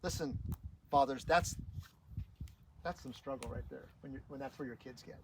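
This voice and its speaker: A man's voice: medium pitch, normal speed, vocal fry, background noise. A middle-aged man telling his life story to an audience, earnest and emotional, often restarting and repeating words. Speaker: speaker sharing his testimony. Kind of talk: personal testimony talk to an audience.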